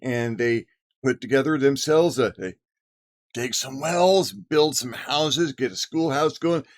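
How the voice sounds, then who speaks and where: A man's voice: mid-range voice, animated, slow pace. A man putting on a folksy cowboy drawl. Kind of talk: cowboy voice in a monologue.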